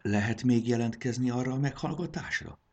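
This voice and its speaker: A man voicing a shy but eager young dragon girl in a children's story, with bright, excited exclamations. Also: lowish voice, breathy edge, voice pushed up.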